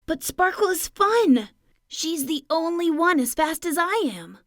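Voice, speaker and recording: A woman voicing an excitable young boy puppy, eager and pleading, in a storybook reading. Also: very high voice, a little slow, dry recording, clean studio sound, pitched above the performer's own voice, heavily acted.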